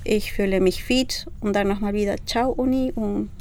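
A Peruvian woman who teaches Spanish speaks German with a Peruvian Spanish accent in a casual interview, often searching for words. Her mid-range voice is steady and a little mellow, at normal speed.

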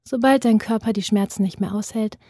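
A woman voicing a calm male serial killer in a reading, speaking quietly and deliberately. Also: medium pitch, slightly rough, no room sound, clean studio sound, natural voice. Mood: cold, calm.

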